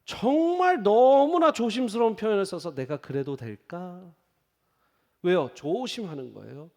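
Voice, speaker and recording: A man's voice: sits high, normal speed, vocal fry. A man in his thirties preaching a sermon as pastor, telling stories and acting out quoted voices. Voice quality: lively storytelling with quoted voices. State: on crutches after leg surgery. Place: church sanctuary. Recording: long hall reverb.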